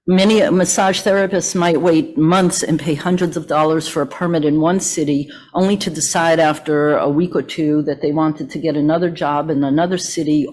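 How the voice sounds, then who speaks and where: A woman reads prepared remarks at a meeting, measured and steady in pace, often pausing to call for the next slide. Her voice trembles from the cold. She speaks in a hotel meeting room. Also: low-pitched, a little hiss or hum, poor audio. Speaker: massage therapist giving a meeting presentation. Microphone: meeting audio from a hotel room.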